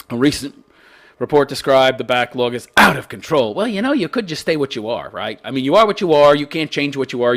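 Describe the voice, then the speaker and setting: Brash, crude, and exaggerated, a commentary-channel host reads the news aloud and makes fun of it. His voice is fairly high and a bit bright.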